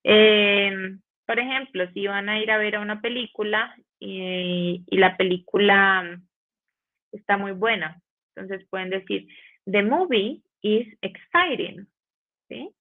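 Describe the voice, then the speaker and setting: Gravelly-voiced woman teaching English in Spanish. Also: medium pitch, little pitch movement. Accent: Colombian Spanish. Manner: slows down to model English phrases, asks rhetorical questions. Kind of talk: online grammar lesson. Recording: phone-like narrow band.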